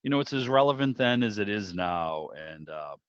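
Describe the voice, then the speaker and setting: Old radio is the topic as a man hosts an online club meeting, chatting casually and ramblingly while he thinks aloud, full of enthusiasm. His fairly low, clean-toned voice moves with lively intonation at a normal pace. He's indoors on a video call, and the audio comes through muffled and roomy.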